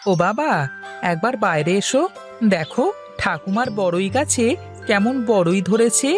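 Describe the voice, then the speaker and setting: Woman doing an eager good-hearted village boy, earnest, cartoon, soft music behind. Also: medium pitch, expressive, measured pace, close to an everyday voice. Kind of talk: cartoon voice acting.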